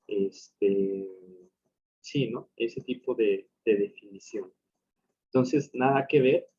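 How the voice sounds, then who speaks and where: A man's voice: medium pitch, dark tone, slightly rough. A man teaching a lesson, explaining step by step and often checking that his students follow. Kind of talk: recorded class lecture. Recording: dull lo-fi recording.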